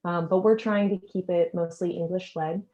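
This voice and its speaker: A low-pitched American woman hosts a webinar over a video call. Her voice is mellow and warm, and she talks eagerly and fluently, with frequent ums. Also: steady tone, moderate pace, lo-fi sound. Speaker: executive producer and webinar host. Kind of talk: webinar presentation.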